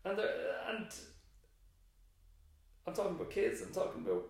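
With a high voice full of big pitch swings at normal speed, an Irish secondary school teacher talks as an interview guest. He's thinking aloud, reflective and rambling, with many restarts, in a very echoey room.

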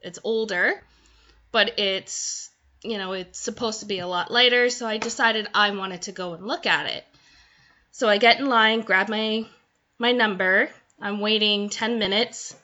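A woman chatting casually, telling an animated story and quoting people as she goes. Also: mid-range voice, unhurried. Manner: animated storytelling with quoted voices. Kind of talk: casual chat. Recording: dull lo-fi sound.

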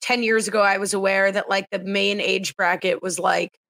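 A woman's voice: mid-range voice, steady tone, normal speed, fairly bright tone, no echo. Chatty, teasing female podcast co-host. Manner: chatty, teasing, laughs often. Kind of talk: casual podcast chat.

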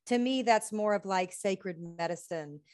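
A woman's voice: mid-range voice, darkish tone, smooth. Earnest woman rattling off questions. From United States. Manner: earnest, lists questions in rapid runs, laughs often. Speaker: guest, healing practitioner and author. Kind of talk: conversational interview.

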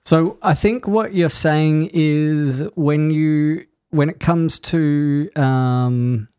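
Hesitant man with a smooth voice. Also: a little high, very slow, darkish tone, no echo, clean studio sound. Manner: hesitant, filler-heavy, summing up the guest. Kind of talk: casual chat.

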